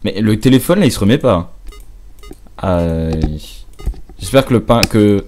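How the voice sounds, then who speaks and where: A young man giving casual, halting let's play commentary, muttering to himself as he plays. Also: fairly low pitch, animated, darkish tone. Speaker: gamer commenting on own play.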